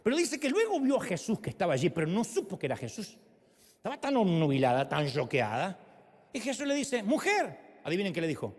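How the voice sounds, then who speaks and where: Male evangelist, high lively voice, humorous storytelling sermon, long hall reverb. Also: quick pace. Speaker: evangelist preacher.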